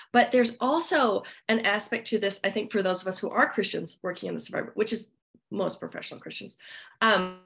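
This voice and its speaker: A woman who is an author and church musician, giving thoughtful podcast interview answers that pause often with fillers and restarts. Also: medium pitch, gravelly, a bit bright.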